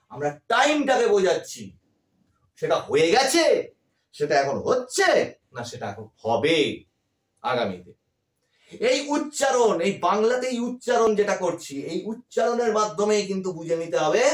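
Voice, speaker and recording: A male English grammar teacher gives a classroom lecture, asking the class questions and answering them himself. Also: high-pitched. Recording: echoey room, voice from a distance.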